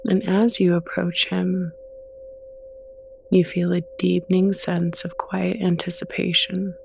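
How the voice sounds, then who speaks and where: A soft-spoken, gentle meditation guide reading slow, soothing scripted narration with unhurried pauses and a creaky edge. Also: mid-range voice, flat delivery, a little hiss or hum.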